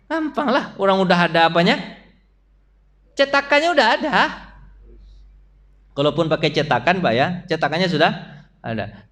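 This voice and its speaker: A man preaching a dawn study sermon in a mosque, often putting questions to the congregation and calling them "Pak." He has an Indonesian accent with Malay-style turns of phrase. He acts out little sounds and short quoted voices. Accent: Indonesian with Malay-style colloquialisms. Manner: lively, swings between loud high peaks and low quiet asides. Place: mosque hall.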